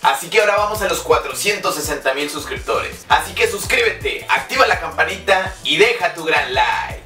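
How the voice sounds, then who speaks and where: A man's voice: on the high side, expressive, normal speed, sharp tone, soft background music. A man in his twenties with a Mexican accent, talking casually and slangily like a YouTuber making gaming vlogs and prank calls. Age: 20s. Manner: slangy, informal. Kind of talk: casual gaming vlog and phone chat. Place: bedroom.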